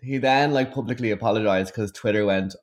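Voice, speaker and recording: A man's voice: fairly low pitch, fairly quick. Giggly, playful Irish man. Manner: giggly, playful, swears casually. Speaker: podcast co-host. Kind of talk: casual chat.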